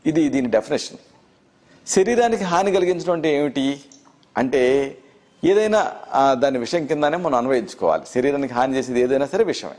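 A middle-aged man with a Telugu accent, an Ayurveda doctor calmly explaining home remedies step by step. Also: mid-range voice. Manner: measured, listing remedies in steady repeated phrases. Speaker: Ayurveda doctor presenting health tips. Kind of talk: instructional health talk.

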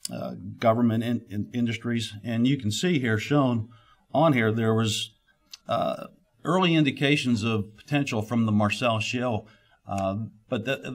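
A middle-aged man, an exploration geologist, giving a conference keynote at a podium, speaking in a halting way with many "uh" fillers and restarts. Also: mid-range voice. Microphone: podium microphone.

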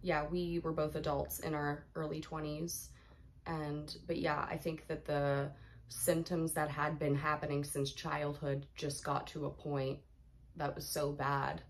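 Low-voiced chatty young woman. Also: flat delivery, unhurried, a little hiss or hum. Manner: chatty, reads questions aloud, laughs often. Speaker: YouTuber, Q&A host. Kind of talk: casual Q&A chat.

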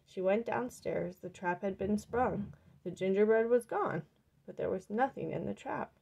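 Casting note: woman storyteller reading a picture book aloud, gravelly and creaky, mid pitch. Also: lively intonation, normal speed, darkish tone.

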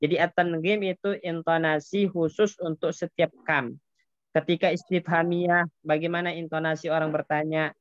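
A man's voice: on the high side, flat delivery, normal speed, dry recording, highs cut off. A man teaching an Arabic grammar class, patiently explaining step by step and quizzing his students.

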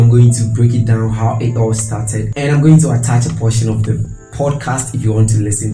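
A young Ghanaian man, a freelance designer and video creator, tells a story earnestly with hand gestures in a casual talking-head video. He speaks Ghanaian English in a mellow, mid-range voice. He's in a small, echoey home room with shelves, using a clip-on lapel mic.

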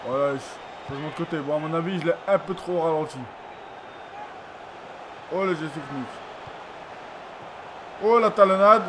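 Excitable gamer with a higher voice. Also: male voice, moderate pace, pauses often. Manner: excitable, repeats phrases, lots of ooh-la-la exclamations. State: just woke up, yawning. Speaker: gaming YouTuber. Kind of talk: live commentary over a football video game. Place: home room at a computer. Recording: noisy home recording.

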